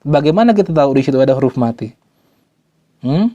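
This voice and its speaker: A man's voice: medium pitch, expressive, brisk, warm tone, dry recording, dull audio. A man teaching Quran recitation rules, speaking patiently, repeating words and drawing out the example words he recites. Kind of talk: tajwid lesson.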